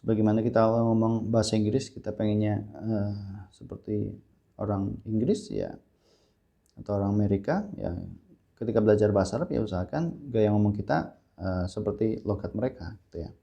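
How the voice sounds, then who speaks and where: A man teaching an Arabic lesson, reading sentences slowly for listeners to repeat and clearing his throat often. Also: fairly low pitch, warm tone, dull audio. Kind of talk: classroom-style language lesson.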